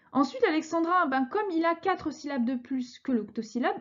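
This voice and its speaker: A woman's voice: high-pitched, muffled recording. A woman teaching a recorded lesson, explaining verse patiently and reading lines syllable by syllable. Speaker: French teacher.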